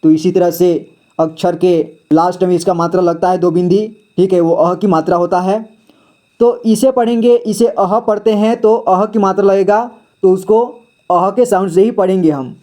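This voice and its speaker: A man teaching children to read Hindi, slowly reading each word twice and asking then answering his own questions in a patient way. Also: high voice, warm tone. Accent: Indian Hindi. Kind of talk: slow phonics lesson, reading words aloud.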